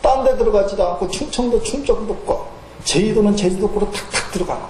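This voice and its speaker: In a church sanctuary, a male pastor delivers a storytelling sermon, telling folksy anecdotes with fillers and acting out his characters' voices. His brisk voice sits high for a man and has a darkish tone, ringing through the reverberant hall over faint room noise.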